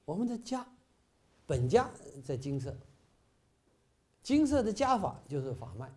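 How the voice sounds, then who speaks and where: Speaking a little slowly, this middle-aged man delivers a casual Buddhist talk to other volunteers, his high, very animated voice carrying a darkish tone. He scatters "ah" fillers throughout and builds to emphatic high points, all in a bookstore meeting hall.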